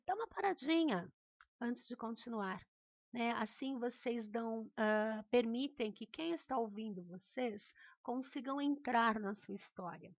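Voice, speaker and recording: A woman's voice: on the high side, fairly bright tone, no room sound. Patient Brazilian woman teacher, muffled. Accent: Brazilian Portuguese. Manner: patient, encouraging, often checks in with "né?". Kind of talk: recorded remote lesson.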